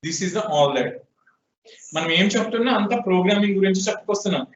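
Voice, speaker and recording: High-voiced Telugu-accented male teacher, quizzing students in class, echoey room, mic set far off. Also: animated, fast, a little hiss or hum. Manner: questioning students, prompting answers. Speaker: programming teacher. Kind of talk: classroom lecture mixing Telugu and English. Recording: echoey room, distant, dull lo-fi sound.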